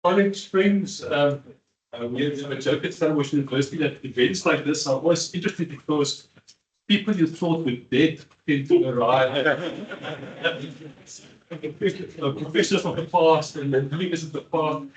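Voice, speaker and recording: Man, department head welcoming guests, fairly high voice, stop-start delivery, recorded from afar in a reverberant hall. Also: moderate pace. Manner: hesitant, repeats words, joking. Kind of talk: ceremonial welcome speech. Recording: echoey hall, mic far off.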